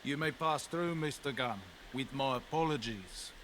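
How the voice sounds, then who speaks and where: Actor voicing a suave menacing game villain, mid pitch, faint room hiss behind. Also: male voice, moderate pace, fairly bright tone, close to an everyday voice. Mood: coolly suspicious. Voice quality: polite but menacing, clipped. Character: smooth, cold male villain hosting a party. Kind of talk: video game dialogue.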